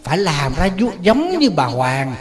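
A man's voice: fairly high pitch, sing-song, a little slow. Man doing a prim older lady, affected, formal, fussy. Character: prim, mannered older woman actress.

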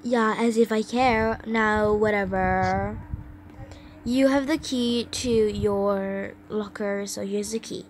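A woman's voice: medium pitch, fairly even intonation, takes it slowly, slight background noise, close to an everyday voice. A woman voicing a snooty, mocking schoolgirl bully in a toy role-play. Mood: dismissive. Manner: mocking, dismissive.

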